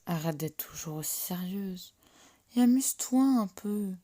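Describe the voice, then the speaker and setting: A woman's voice: mid-range voice, expressive, measured pace, mellow. A woman doing a teasing young tomcat. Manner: easygoing, teasing. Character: young male cat, teasing and kind.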